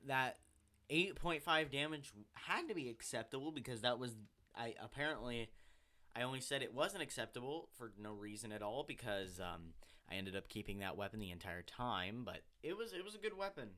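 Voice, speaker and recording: A man's voice: medium pitch, moderate pace, bright, forceful tone. A man giving casual, rambling voiceover commentary on his own gameplay, often correcting himself as he goes. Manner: rambling, self-correcting, chatty. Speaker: gaming channel host.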